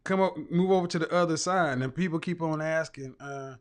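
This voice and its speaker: A man hosts a casual live-stream chat in a fairly quick voice on the high side. He is a livestream host and image consultant, and he talks bluntly and ramblingly, with frequent restarts and plenty of swearing.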